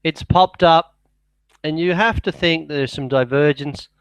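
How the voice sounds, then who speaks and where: A man's voice: on the high side, unhurried, clear, resonant tone, no echo. A man dictating financial market commentary as an analyst, speaking his punctuation aloud and letting his voice drop on it. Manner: dictating, voice dropping on spoken punctuation.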